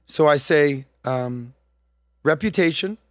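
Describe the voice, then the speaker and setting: A man in his forties hosting a podcast in a studio, chatting casually and acting out quoted voices with lively gestures. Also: on the high side, slow pace, no room sound. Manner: animated storytelling, acts out quoted voices. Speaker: podcast host. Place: studio set. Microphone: studio mic on boom arm.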